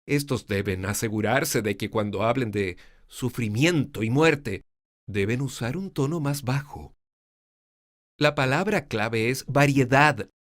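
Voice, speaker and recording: A man giving a lecture on preaching, speaking in a clear, measured teaching manner. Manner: demonstrates pitch and volume shifts, swinging from soft to loud. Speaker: preaching instructor. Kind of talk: homiletics lecture with spoken demonstrations.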